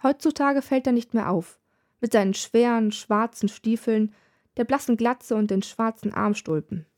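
A woman's voice: on the high side, moderate pace, darkish tone. A woman narrating a darkly comic story, reading with a wry, dry humor. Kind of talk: storytelling reading with character voices.

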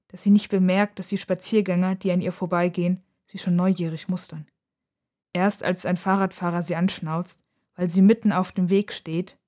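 A woman reading a children's story aloud as narrator, in a calm, measured telling. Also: fairly low pitch.

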